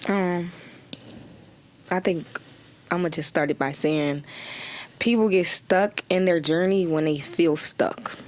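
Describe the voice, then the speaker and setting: Deep-voiced young woman, calm and reflective. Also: slow, long pauses. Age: 20s. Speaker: podcast guest. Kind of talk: casual podcast chat.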